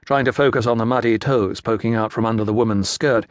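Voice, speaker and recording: Guy reading an audiobook, even and measured, dead dry close mic. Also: medium pitch, dry recording. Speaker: audiobook narrator. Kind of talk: scripted narration. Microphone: close studio mic.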